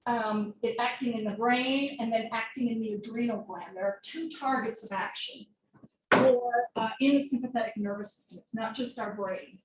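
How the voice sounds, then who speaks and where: A woman's voice: a little high, slight background noise. Woman, nursing instructor, casual lecture style, fillers and asides, roomy distant classroom recording. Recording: roomy classroom audio from far off.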